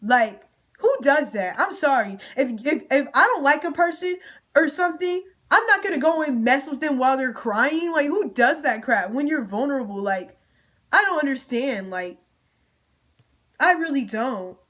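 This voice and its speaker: A young woman vents in a high-pitched, expressive, fairly bright voice at a moderate pace during her storytime vlog. Talking directly to viewers with casual slang, she grows emotional and nearly cries at moments.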